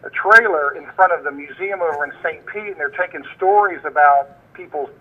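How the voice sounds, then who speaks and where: A man's voice: on the high side, slight background noise. Eager man on a clipped phone line. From Florida. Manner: eager, halting, stumbles and repeats words. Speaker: caller. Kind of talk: call-in comment on live show.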